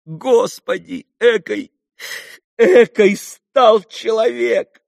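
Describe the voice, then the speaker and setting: A man's voice: very slow, vocal fry, darkish tone, no echo, full character voice. A man voicing a hysterical young woman, bitter and mocking, who cries out shrilly. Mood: shocked. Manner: shrill, crying out.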